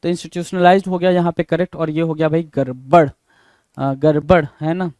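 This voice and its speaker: High-voiced man spelling out words. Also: little pitch movement, a little fast, mellow, clean tone, no room sound, studio quality. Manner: repetitive, rhetorical questions, calls students "bhai". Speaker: English spelling teacher. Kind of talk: exam prep lesson, spelling out words letter by letter.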